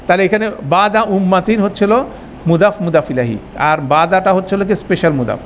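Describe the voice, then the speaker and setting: Male teacher, high voice, patient step-by-step classroom explainer, slight room hiss. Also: expressive, quick pace. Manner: explains step by step with frequent check-ins. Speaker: Arabic grammar teacher. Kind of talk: classroom lecture.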